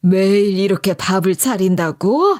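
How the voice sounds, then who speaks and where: Storybook read: a doting older mother-in-law, as a woman narrator puts her on, very slow and drawn-out. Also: mid-range voice, expressive, darkish tone, close to an everyday voice. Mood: amazed.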